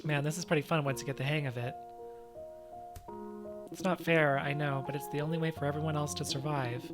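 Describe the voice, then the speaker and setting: [name], a voice actor doing a soft-spoken monster guy. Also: mid-range voice, fairly even intonation, brisk, over music, close to an everyday voice. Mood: gentle, wistful. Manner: casual, slangy, soft-spoken when sentimental. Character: gruff, tender monster man, big-hearted tough guy.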